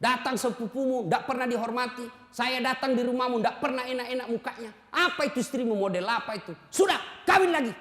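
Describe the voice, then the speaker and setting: Brief: a preacher playing an older nagging mother, high and loud, in a reverberant hall. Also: fast talker, hardly any pauses. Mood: scolding. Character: scolding older mother defending her daughter-in-law.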